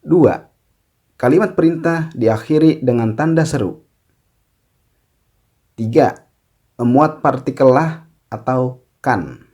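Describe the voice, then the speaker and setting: A man explaining a grammar lesson slowly and deliberately. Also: medium pitch, animated, warm tone. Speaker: teacher. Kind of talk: recorded lesson.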